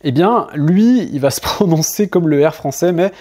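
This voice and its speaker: A man giving an online language lesson, hesitating often and repeating example words slowly and carefully. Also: on the high side, expressive, mellow. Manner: hesitant, many fillers, slow careful word repetitions. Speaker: Spanish teacher.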